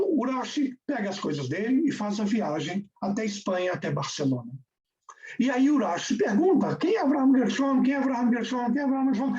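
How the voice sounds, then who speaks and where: A male lecturer retelling an old tale, animated and fond of repeating words for emphasis. His pitch swings widely. He sounds distant, and the recording is dull. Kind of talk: storytelling lecture.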